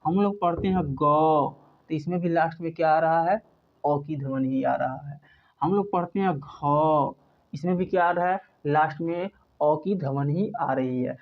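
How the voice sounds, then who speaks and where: A man's voice: a little high, measured pace. A man teaching an English class. He talks patiently, repeating each point and asking and answering his own questions. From India. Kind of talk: spoken classroom lesson. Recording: dull lo-fi recording.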